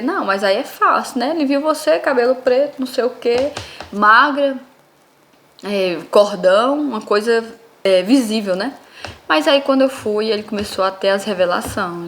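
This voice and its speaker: A young woman recounts her faith testimony, speaking earnestly and directly to her audience. Her voice sits at a middle pitch for a woman, and she talks in a plain, heartfelt way. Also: a bit bright, a little hiss or hum. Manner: earnest, addresses listeners as "minha gente".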